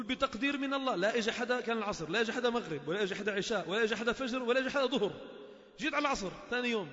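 Male preacher with a high voice, emotional storyteller, recorded in a long-echo mosque hall. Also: fairly bright tone. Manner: emotive storytelling that voices each character's speech. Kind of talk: sermon with storytelling. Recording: muffled, echoey mosque recording.

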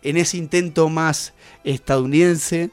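A man's voice: a little high, fairly even intonation, measured pace, clean tone. A man hosting a radio show, chatting casually about music in a rambling, explanatory way full of hesitations. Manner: rambling, explanatory, many "eh" fillers.

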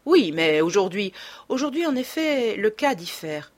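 A woman's voice: medium pitch, very animated, measured pace. A woman reading aloud voices a confident young amateur detective in a storybook. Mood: assured.

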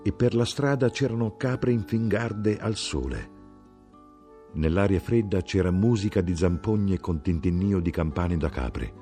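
A man giving a measured, expressive literary reading of a novel. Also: low-pitched. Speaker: audiobook reader. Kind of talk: scripted literary narration.

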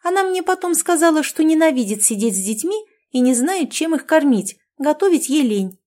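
An impulsive, emotional young woman, voiced by a female narrator in an audiobook. Heartfelt and slightly higher than the narration, with a warm, mellow tone. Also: lively intonation, moderate pace.

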